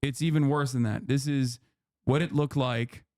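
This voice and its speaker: Hosting a stream, a man in his thirties lays out politics for his guest with heated profanity, driving his voice to near-shouting for emphasis. He speaks at normal speed with a medium pitch and steady tone.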